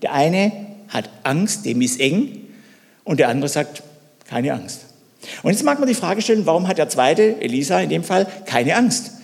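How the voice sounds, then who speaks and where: A man's voice: on the high side, very animated, normal speed, creaky. Man preaching in a reverberant hall. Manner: storytelling, asks the listeners questions, swings between loud and hushed. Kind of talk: sermon.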